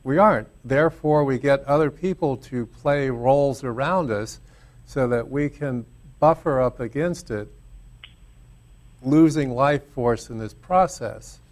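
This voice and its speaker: A man's voice: medium pitch, unhurried, a little mellow. A man co-hosting a spiritual talk show, coaching a caller and checking that she follows. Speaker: show host. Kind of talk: spiritual talk radio chat.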